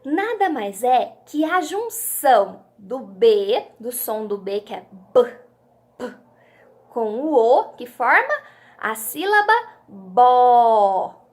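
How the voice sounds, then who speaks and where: A young Brazilian teacher with a high, lively voice talks slowly and patiently to small children. She stretches each syllable, sings out her questions and lets her pitch rise and fall widely as she explains. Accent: Brazilian Portuguese. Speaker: primary school teacher. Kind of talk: children's literacy lesson.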